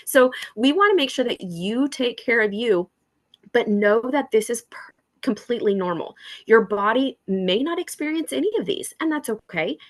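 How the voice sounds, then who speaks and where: A woman's voice: fairly high pitch, lively intonation, normal speed. A woman hosting a welcome call for new members, chatty and encouraging. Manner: encouraging, chatty, acts out little dialogues.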